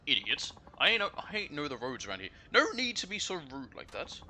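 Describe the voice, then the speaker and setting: A man acts out a brash woman riding in a taxi in a video game. She is blunt, slangy and demanding, pitched higher with a very sharp edge. There is faint noise behind the voice. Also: very animated, a little fast, exaggerated voice. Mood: rude, irritated. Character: brash, rude woman taxi passenger from out of town. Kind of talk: reading game dialogue aloud.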